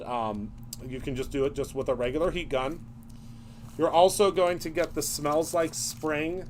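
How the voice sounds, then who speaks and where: A man's voice: on the high side, slight background noise. A man hosting a casual live craft stream, chatty and upbeat, greeting viewers by name as he shows products.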